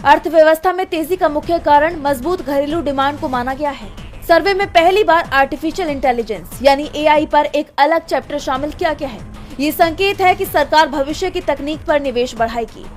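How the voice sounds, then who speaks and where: A woman with a high voice reads a scripted news package as its reporter. Faint music plays behind the narration. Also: normal speed. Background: music bed.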